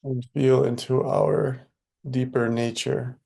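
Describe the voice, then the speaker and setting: Speaking soothingly and without hurry, a man leads a guided meditation, leaving long silences between his few words. His mid-range voice is warm and creaky, holding a level tone throughout.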